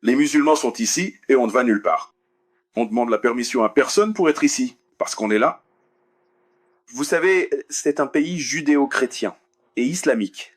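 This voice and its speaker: Man from the US, debate speaker, mid-pitched voice, earnest, addresses the crowd directly, repeats lines for emphasis. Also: animated, moderate pace, husky. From United States. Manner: hesitant fillers while finding verses. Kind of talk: debate speech to an audience.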